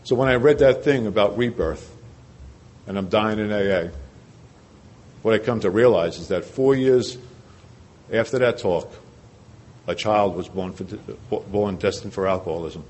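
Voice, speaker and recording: An older New Jersey man, speaking at a big convention hall as a recovery speaker, gives his testimony at a normal speed and pauses often. Conversational and quick to laugh at himself, he lowers his voice to a quiet hush when he wants something to land.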